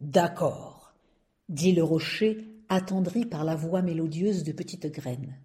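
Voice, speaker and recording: Slow, mellow woman reading a tale. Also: deep voice. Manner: slow, unhurried, gentle. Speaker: storyteller. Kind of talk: storybook reading.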